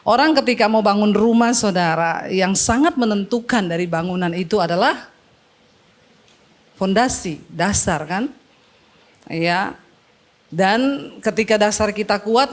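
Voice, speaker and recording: A woman pastor preaching a sermon to her congregation, exhorting them in call-and-response and mixing casual asides with formal prayer. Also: medium pitch.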